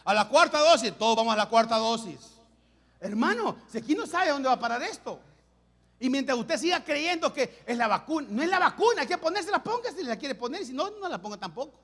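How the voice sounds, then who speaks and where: A man preaching a sermon as pastor, repeating phrases and swinging between loud calls and hushed lines. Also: very high voice, expressive, brisk, vocal fry.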